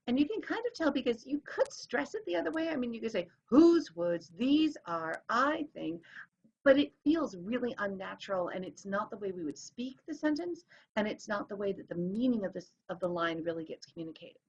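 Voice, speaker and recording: A woman's voice: a little high, sing-song, quick pace, creaky, slightly rough. A woman teacher explaining things in a recorded lesson, sounding out rhythms as she goes. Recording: dull lo-fi recording.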